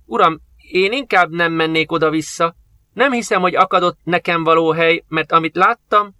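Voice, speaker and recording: A man voicing a timid slave boy, high and pleading. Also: animated, bright, forceful tone, no echo. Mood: fearful. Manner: anxious, pleading.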